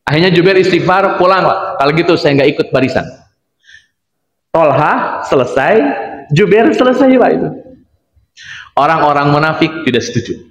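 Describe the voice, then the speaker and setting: A man's voice: on the high side, normal speed, long pauses, echoey room, in a large hall. A man preaching a study session in a mosque, telling stories with acted-out dialogue and often addressing the audience directly. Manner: lively storyteller addressing men as "Pak", acting out dialogue. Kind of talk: mosque study lecture, storytelling. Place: mosque hall.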